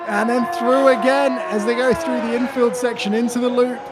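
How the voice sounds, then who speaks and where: A man giving excited, urgent live play-by-play commentary on a sim race in short, clipped phrases. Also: extremely high pitch, normal speed, loud music behind the voice, a loud crowd.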